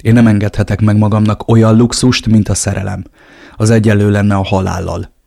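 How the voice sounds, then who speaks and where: Low gravelly male audiobook narrator. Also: little pitch movement, warm tone, dry recording, studio quality. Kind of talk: first-person novel narration.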